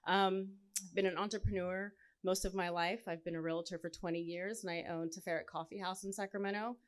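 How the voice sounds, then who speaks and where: A woman's voice: lowish voice, fairly even intonation, fairly quick, clean tone. A woman in her forties from California introducing herself on a panel in a plain, matter-of-fact way. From Modesto, California. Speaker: panelist, realtor and cafe owner.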